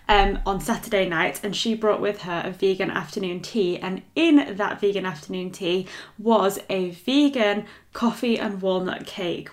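A woman, co-hosting a podcast in casual, chatty talk with a self-mocking, laughing manner. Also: mid-range voice. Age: 20s. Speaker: podcast co-host. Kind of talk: casual chat.

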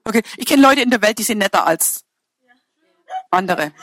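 A woman's voice: medium pitch, lively intonation, moderate pace, fairly bright tone, a little hiss or hum. A woman preaching a sermon in a chatty, humorous way, teasing her congregation and correcting herself with fillers as she goes.

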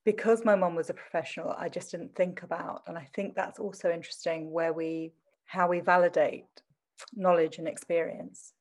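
Woman, middle-aged, slightly low voice. Standard English with a hint of Essex accent. Reflective, articulate, self-deprecating interview guest. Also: darkish tone. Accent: English, adopted standard with traces of Essex. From Southend in Essex, England.

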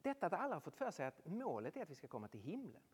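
A preacher giving a sermon, animated, with rhetorical questions and swings between loud and hushed. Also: mid-range voice, husky, long reverb tail. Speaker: speaker addressing a Norwegian audience.

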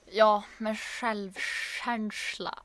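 A woman in her twenties with a Norrland Swedish accent, chatting casually as a podcast co-host and acting out the people in her stories. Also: medium pitch. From northern Sweden. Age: 20s. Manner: lively storyteller who acts out quotes.

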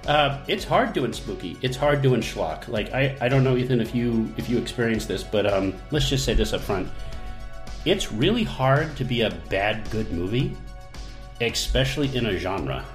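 A man's voice: mid-range voice, lively intonation, normal speed, reverberant, soft background music. A man hosting a podcast in casual chat, jokey and self-mocking. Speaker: podcast host and managing editor.

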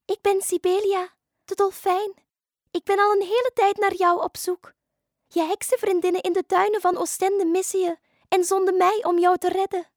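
A woman voicing a kind, eager female dolphin who comes to rescue a witch, speaking high and urgent. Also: flat delivery, moderate pace, darkish tone, dry recording, studio quality.

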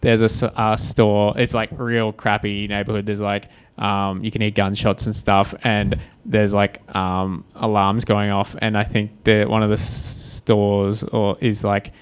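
Smooth-voiced man hosting a podcast chat. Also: fairly low pitch, monotone, a little slow, hardly any pauses. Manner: rambling, with many fillers and frequent laughs. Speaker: podcast host. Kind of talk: casual chat.

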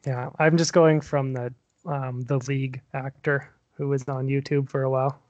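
A man chatting loosely as a podcast guest, hesitant and quick to laugh. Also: mid-range voice, little pitch movement, darkish tone, dry recording, lo-fi sound. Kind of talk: casual hockey chat.

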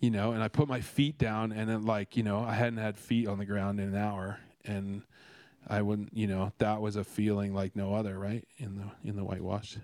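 Earnest man, smooth low voice. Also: flat delivery, normal speed, darkish tone, no room sound. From Canada. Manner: earnest, rambling, many restarts and fillers. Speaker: speaker sharing a devotional. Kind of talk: casual devotional talk.

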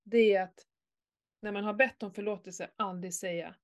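A middle-aged woman in candid casual chat, telling an emotional personal story with lots of swearing and animated outbursts. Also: medium pitch.

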